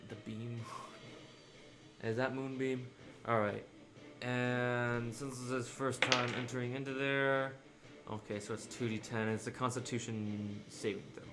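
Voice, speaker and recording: A man's voice: mid-range voice, flat delivery, a little slow. A man playing a tabletop game, chatting casually and thinking aloud about the rules. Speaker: player.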